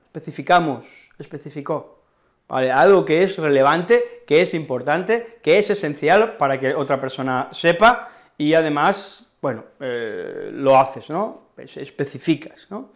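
A man with an accent from Spain gives an online Spanish lesson. His voice sits a touch high and stays animated as he patiently walks his students through each point, checking in with them as he goes. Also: unhurried. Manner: animated, explains patiently with frequent tag questions. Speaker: Spanish teacher.

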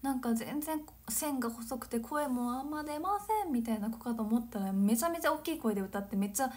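A woman in her twenties from Nagano, chatting casually on a livestream, giggling and drifting into soft whispered asides. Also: on the high side, fast talker. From Nagano, Japan. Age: 20s. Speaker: livestream host. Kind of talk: casual chat reading viewer comments.

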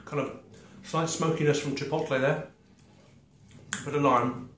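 A man in his forties chatting casually to camera as he tastes snacks, halting and muttering between bites. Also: a little high, steady tone, fairly bright tone. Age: 40s. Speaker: food review vlogger. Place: small glazed conservatory. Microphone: camera a short distance away. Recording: roomy echo, clear background noise.

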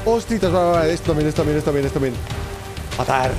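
Excitable swearing Spanish gamer, music behind. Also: male voice, on the high side, racing. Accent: Spain Spanish. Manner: swears a lot, excitable and teasing. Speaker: host. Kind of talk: casual gaming commentary. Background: background music.

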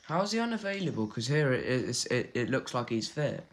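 A man's voice: mid-range voice, very animated, fairly quick. A man giving casual gameplay commentary, chatting and reacting aloud to a football game with the odd swear. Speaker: gaming channel host.

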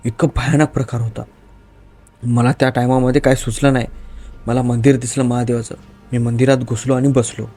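A man's voice: mid-range voice, darkish tone. Man telling a horror story. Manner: dramatic, vivid storytelling.

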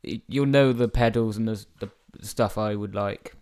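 A man's voice: lowish voice, normal speed, darkish tone, smooth. A young man co-hosting a podcast in casual chat, laid-back and teasing. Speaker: podcast co-host.

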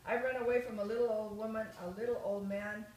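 A woman's voice: fairly high pitch, steady tone, quick pace, a little mellow, lightly acted. An older woman voicing a cheeky, boastful runaway gingerbread boy in a storybook reading, with a taunting sing-song chant. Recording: echoey room, faint noise.

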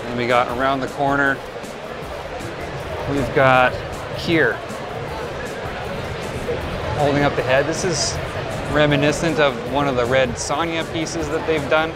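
A man's voice: mid-range voice, steady tone, unhurried, long pauses, over a noisy crowd. A man giving an informal, off-the-cuff booth tour commentary from a convention hall, casually offering mild opinions as he goes. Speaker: collectibles video host. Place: convention hall show floor, indoors. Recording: loud music behind, busy convention hall. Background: loud music in a convention hall.

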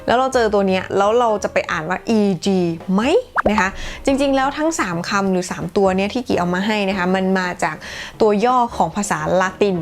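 A woman's voice: medium pitch, quick pace. A woman hosting her own channel, teaching English in a bilingual lesson with a chatty, playful, self-teasing manner and careful model sentences.

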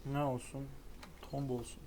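A young man giving casual, excitable commentary while playing a racing game online. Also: medium pitch, unhurried, a little hiss or hum. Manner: excitable, exclaims at near misses. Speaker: gaming YouTuber.

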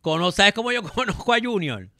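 A Puerto Rican man hosts a studio podcast, talking in an animated, theatrical way. His pitch swings up and down freely. The studio sound is close and dry. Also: fairly quick, no echo. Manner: animated and theatrical, speaks of self in the feminine, acts out quotes. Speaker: podcast host. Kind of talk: casual chat, storytelling.

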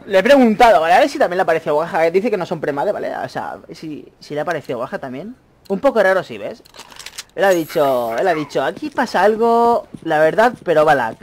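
A young man commentating his own gameplay, chatty, with excited outbursts and muttered asides. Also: on the high side. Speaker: gaming YouTuber. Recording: faint noise, mouse and keyboard clicks.

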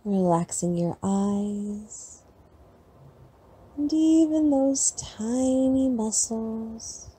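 Sleep meditation guide: woman, very slow and breathy, soft and soothing. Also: on the high side.

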